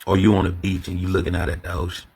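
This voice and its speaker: A man's voice: low-pitched, little pitch movement, racing, gravelly, darkish tone, husky. A man hosting a solo podcast, talking in a loose, rambling way full of fillers and repeated words. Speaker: podcast host. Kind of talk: casual solo podcast monologue.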